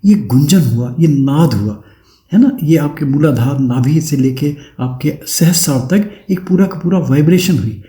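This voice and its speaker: A man's voice: fairly high pitch, lively intonation, moderate pace, mellow, reverberant. A man giving a spiritual discourse as a teacher, explaining step by step, often checking in with "है ना" and demonstrating chants himself.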